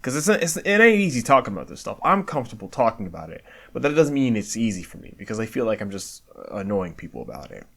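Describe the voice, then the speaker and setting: A man's voice: on the low side, wildly swooping pitch, fast, few pauses, husky. A man giving a candid year-end reflection, stammering and restarting often, swearing casually, earnest and self-deprecating. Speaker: video creator.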